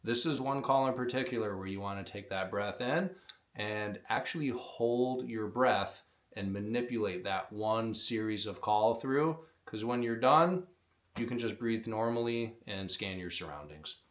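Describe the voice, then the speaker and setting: A man's voice: fairly low pitch, a little slow. A man teaching how to use an open reed predator call, explaining in a plain, practical way. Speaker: call maker teaching coyote calling. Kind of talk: instructional demonstration.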